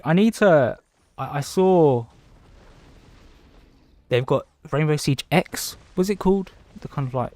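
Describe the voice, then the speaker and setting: A man's voice: medium pitch, a little mellow, no room sound. A man casually chatting on a livestream from home, rambling between topics and greeting viewers by name. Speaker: livestreaming gamer.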